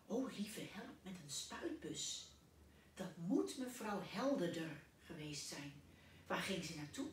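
A woman's voice: fairly low pitch, very animated, slow pace, a little hiss or hum. Woman doing a fussy little old man. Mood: fretting. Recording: echoey room, distant mic.

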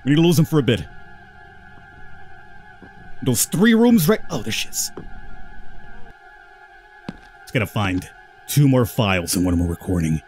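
A man's voice: mid-range voice, sing-song, normal speed, pauses often, darkish tone, soft background music. A man hosting a horror game playthrough, chatting and rambling casually to his viewers. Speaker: gaming video host.

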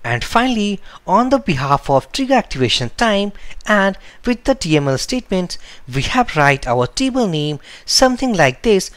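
A man's voice: high-pitched, sing-song, moderate pace, a bit bright, no echo. A man teaching a screen-recorded programming lesson, explaining step by step in nonstandard English and correcting himself aloud. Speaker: programming tutor.

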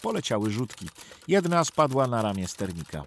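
A man's voice: medium pitch, big pitch swings, moderate pace, slight background noise. A man giving tense, vivid documentary narration of a sea rescue. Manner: tense, vivid storytelling that acts out the shouted orders.

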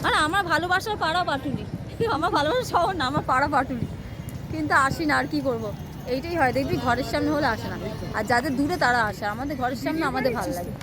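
A woman's voice: sits high, animated, quick pace, noisy background. A woman, vlogging casually to her viewers on a handheld phone, chatty and rambling. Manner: chatty, rambling, repeats herself. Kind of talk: casual daily vlog talk to viewers.

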